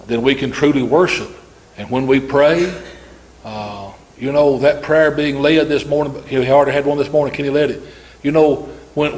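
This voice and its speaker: A preacher with a voice on the high side gives his congregation a folksy, informal sermon, speaking loudly yet conversationally with plenty of fillers. The audio quality is poor.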